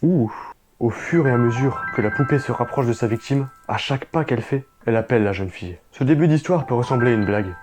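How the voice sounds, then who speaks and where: A man's voice: mid-range voice, quick pace, few pauses. Young man telling horror stories. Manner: dramatic narration, chatty asides to viewers. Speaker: co-host. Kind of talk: storytelling in a horror video. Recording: music playing behind.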